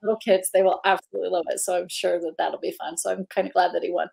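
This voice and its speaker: A woman's voice: fairly low pitch, little pitch movement, fast talker, creaky, darkish tone. A woman hosting a casual live-stream chat, bubbly and giggly, rambling with lots of fillers. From Indiana, US. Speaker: host.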